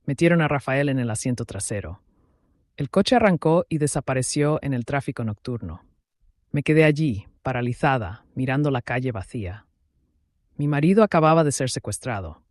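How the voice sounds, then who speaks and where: A man narrating a first-person dramatic story in a calm, even way. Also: mid-range voice, moderate pace, dry recording, clean studio sound.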